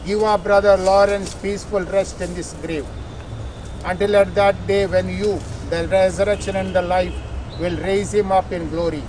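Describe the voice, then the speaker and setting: A man reciting solemn graveside funeral prayers as a priest, in a measured, formal way. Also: high-pitched. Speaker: priest leading funeral rites. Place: outdoors at a cemetery. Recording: noisy outdoor ambience with traffic.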